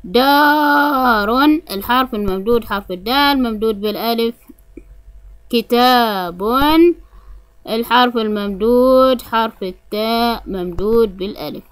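A woman teaching a reading lesson for young children, sounding out syllables slowly and deliberately. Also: a little high, no echo. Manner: slow, drawn-out syllables for children to repeat. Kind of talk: early-grade reading lesson.

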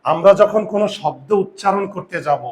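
A man teaching a grammar lesson, asking students rhetorical questions and slowly stressing and repeating key words, with confident asides. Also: high voice, darkish tone. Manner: addresses students directly with frequent rhetorical questions. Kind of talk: classroom-style video lesson.

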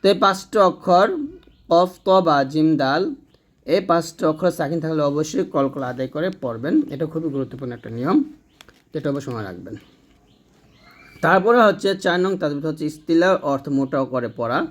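A man's voice: fairly high pitch, brisk. A man teaching Quran reading step by step, patiently repeating and demonstrating letter sounds. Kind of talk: step-by-step lesson.

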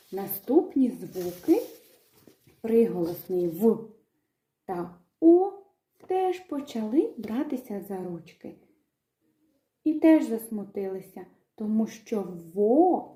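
A woman teaching young children to read, talking in a gentle, slow, sing-song way and breaking words into syllables. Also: a little high. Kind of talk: children's literacy lesson with a told tale. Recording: echoey room.

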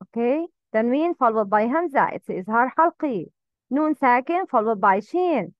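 A woman's voice: fairly high pitch, animated, no room sound, muffled recording. A woman teaching Quran recitation, modeling letter sounds one by one, correcting them and asking the listener to repeat. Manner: slow, deliberate, sound by sound. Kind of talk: tajweed pronunciation lesson.

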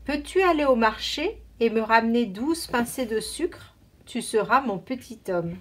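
A kindly village mother in a children's picture book, chanting her chores in a soft, rhythmic way. A woman reader voices her slightly high and unhurried. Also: lively intonation. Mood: gentle. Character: busy, gentle village mother.

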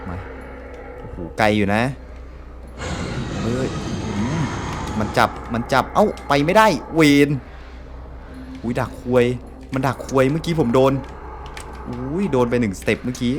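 A man's voice: medium pitch, lively intonation, measured pace, pauses often, noisy background. A man from Thailand giving jumpy, exclaiming commentary over a horror game, swearing often. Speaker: gameplay streamer.

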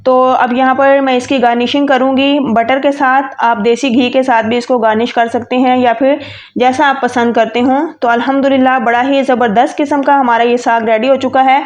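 A woman's voice: high voice, flat delivery, highs cut off. A woman from Pakistan narrating a cooking tutorial as the channel host, friendly and instructive, with English words mixed into her talk.

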